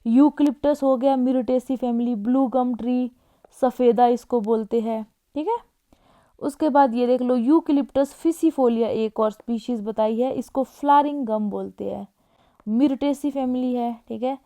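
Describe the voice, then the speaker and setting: A woman teaching an exam-prep lecture in a casual way, often checking in with her class and reading plant names slowly. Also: fairly high pitch, dark tone. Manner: casual, repeats "ठीक है", reads Latin names slowly.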